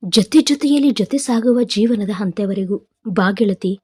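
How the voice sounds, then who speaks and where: A woman's voice: mid-range voice, moderate pace, warm tone, slightly rough, natural voice. A woman voicing a young man proposing to his beloved in a tender, poetic recitation.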